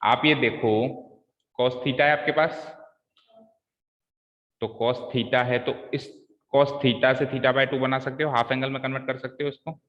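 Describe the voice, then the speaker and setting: A man's voice: medium pitch, little pitch movement, a little slow. Male maths teacher, coaxing, quizzing students, long room reverb, muffled sound. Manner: quizzes students, calls them "beta" and "bhai". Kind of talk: live online maths class. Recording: echoey room, dull lo-fi sound.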